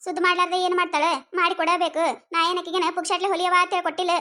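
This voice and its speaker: A performer voicing an angry village woman with a North Karnataka accent who complains fast and high in a cartoon comedy. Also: little pitch movement, sharp tone. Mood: annoyed. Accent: North Karnataka Kannada. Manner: quick, high, scolding complaints. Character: angry village woman customer, fussy about her blouse.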